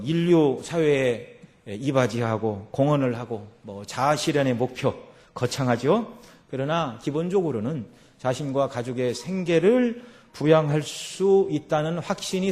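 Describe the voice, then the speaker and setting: A man pastor gives a Sunday sermon with a slightly higher-than-usual voice. He talks to the congregation like a conversation, often dropping in quick affirmations as he moves between points. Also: a little mellow. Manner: conversational preaching with frequent filler affirmations. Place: church sanctuary.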